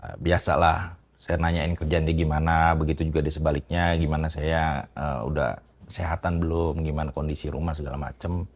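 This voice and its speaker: Speaking in a very low, flat voice, a man being interviewed tells a personal story, halting and casual, tripping over restarts and fillers. He stays mostly quiet but gets louder as the story turns tense.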